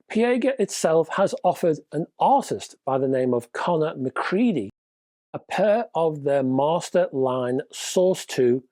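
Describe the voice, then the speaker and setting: Stuffy and nasal from a cold, a man presents a casual hi-fi news roundup with dry, wry humor. His voice is fairly high yet dark in tone, and there's no room sound.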